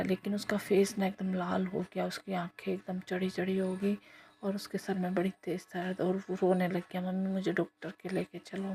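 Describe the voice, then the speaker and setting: A middle-aged woman tells a devotional testimony to a congregation, narrating evenly and dropping into soft whispered asides. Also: lowish voice. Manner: flat, even storytelling with soft whispered asides.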